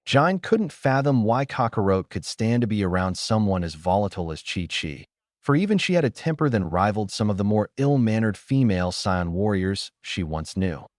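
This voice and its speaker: A man narrating a fan story in an expressive storybook style. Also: lowish voice, moderate pace, no echo, studio quality.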